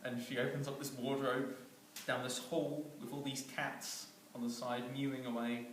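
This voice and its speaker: A man rambles through a comic story, chuckling at his own jokes. His voice is set well back from the mic in a very echoey room, with noise clearly audible behind him. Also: medium pitch, flat delivery, normal speed, recorded from a distance. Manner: rambling, chuckling, with many fillers and restarts.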